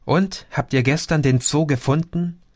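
A man's voice: fairly high pitch, unhurried, darkish tone, dry recording, pitched above the performer's own voice. A man putting on a genial middle-aged Portuguese café owner, chatty and eager to explain, his voice lifted a little above a plain reading. The sound is dry and close, with no room around it, as in a storybook audiobook. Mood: friendly, chatty. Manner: friendly, talkative, explaining.

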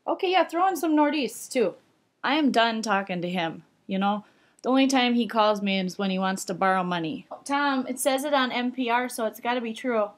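A middle-aged woman with a Minnesota accent playing a chatty, opinionated Minnesotan in a casual comedy sketch, folksy and deadpan. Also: a little high, brisk, close to an everyday voice. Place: rooms at home, indoors.

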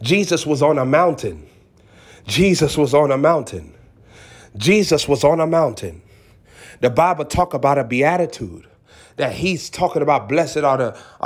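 Speaking in a mid-range voice, a self-proclaimed prophet preaches with passion, urging his listeners on emphatically and hammering home short repeated phrases.

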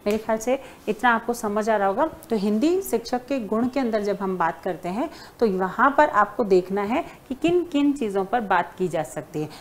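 Woman teacher, mid pitch, lecturing and writing on a board, fond with students, faint background noise. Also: animated, normal speed, hardly any pauses. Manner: addresses students as "beta", writing on a board while talking. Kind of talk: online exam-prep lecture.

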